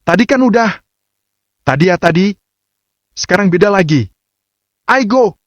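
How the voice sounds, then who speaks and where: A man's voice: a little high, animated, a little slow, dry recording, pitched above the performer's own voice. Man doing a sassy, bubbly young wife. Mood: playful. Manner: bubbly, slangy, teasing. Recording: dull lo-fi dry recording.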